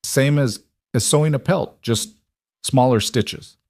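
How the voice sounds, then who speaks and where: A man voicing a gruff, terse middle-aged mountain hermit in an audio story, talking through pain. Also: medium pitch, a little slow, a little mellow, dry recording, studio quality, voice pushed up. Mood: weak.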